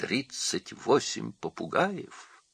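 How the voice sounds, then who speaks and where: A man voicing a bossy, know-it-all male parrot in a storybook reading, brisk and declaring. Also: mid-range voice, very animated, pushed and bright, no echo, pitched above the performer's own voice, full character voice.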